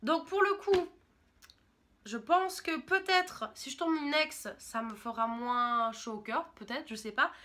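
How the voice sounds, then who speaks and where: A French woman in her twenties, a YouTuber, talks in a casual vlog monologue, chatty, rambling and enthusiastic. Her voice is high-pitched and sharp, and she speaks a little slowly.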